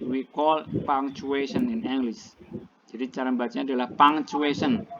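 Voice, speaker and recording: A male teacher giving a classroom lecture, explaining slowly and repeating each point in translation. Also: a little high. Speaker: English teacher. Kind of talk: classroom lecture, mixing languages. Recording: dull lo-fi classroom recording with clear noise.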